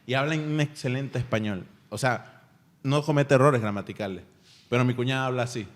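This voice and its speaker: A man hosting a casual language-learning podcast, energetic and often laughing. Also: mid-range voice, brisk. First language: Spanish. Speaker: podcast host.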